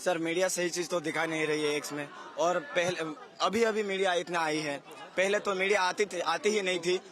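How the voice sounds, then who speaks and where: A man's voice: sits high, fairly even intonation, normal speed. A man protester recounting events with complaint in a street interview. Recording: outdoor crowd noise.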